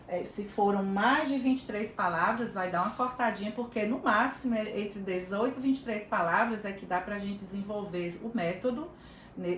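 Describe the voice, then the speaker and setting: A Brazilian woman gives an online training lecture over a video call, explaining step by step and calling on listeners by name. Her voice sits at a mid pitch in a roomy, echoing space. A faint hum runs behind her. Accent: Brazilian Portuguese. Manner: warm explanatory, chatty asides, addresses listeners by name. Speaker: teacher trainer.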